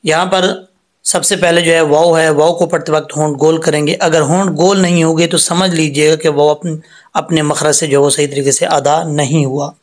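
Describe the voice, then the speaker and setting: Man, Quran recitation teacher, patient step-by-step explanations, slowly stretched recitation, fairly high voice. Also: fairly even intonation. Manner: explains patiently, then recites words slowly with drawn-out vowels. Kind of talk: step-by-step tajweed lesson.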